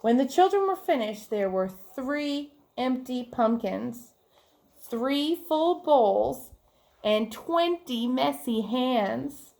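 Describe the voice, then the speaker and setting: Here a woman with a high, animated, darkish voice takes her time reading a story for children. In a teacherly way she performs the dialogue, quizzes her listeners and drops in friendly asides, keeping the telling clear and expressive.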